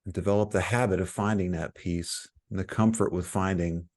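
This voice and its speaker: Calm, soothing instructions come from a low-voiced man guiding a meditation. As the teacher, he often stops to pause between them.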